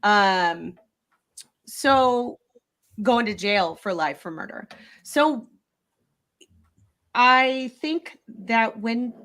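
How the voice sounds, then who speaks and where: A woman hosts a podcast, speaking extremely slowly with frequent pauses in a bright-ish, fairly high voice with lively intonation. In a thoughtful, casual discussion, she builds her argument while often restarting her phrases.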